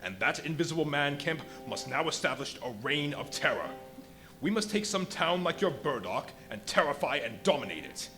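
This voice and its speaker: An actor in a live radio play playing a ruthless, megalomaniac invisible scientist, speaking in an imperious, deliberate, menacing way. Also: male voice, a little high, very animated, sharp tone. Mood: coldly menacing. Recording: live stage recording with music underneath. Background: music.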